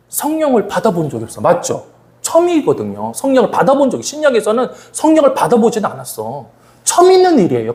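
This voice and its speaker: A male pastor preaching at a Friday evening revival service, playful and animated, laughing often and calling on the congregation for amens. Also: fairly high pitch. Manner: talks directly to the congregation, asking for amens.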